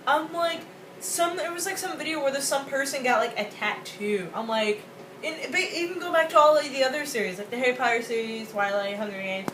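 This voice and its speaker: A young woman co-hosting a casual rant, talking in a quick, excitable, exaggerated way. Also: sits high. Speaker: co-host. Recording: roomy, distant, noisy home recording.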